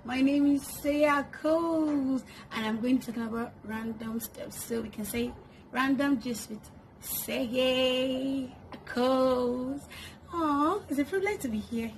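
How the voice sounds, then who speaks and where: In her bedroom, a woman in her twenties chats playfully to a camera on a tripod for a get-to-know-me vlog, laughing a lot. Her voice is high and she takes her time. The audio is poor, with a little hiss or hum.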